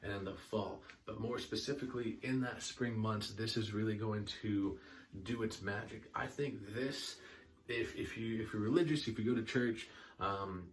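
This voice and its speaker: A man's voice: fairly low pitch, fairly even intonation, moderate pace, distant mic. A young man chatting casually and enthusiastically while reviewing a fragrance, with lots of ums and restarts.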